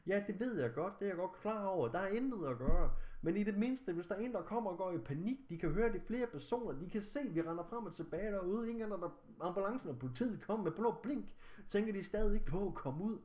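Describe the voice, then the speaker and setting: Agitated man with a fairly high voice. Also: expressive, dark tone. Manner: agitated, angry, heavy swearing. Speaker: vlogger. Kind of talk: recounting a personal story to camera.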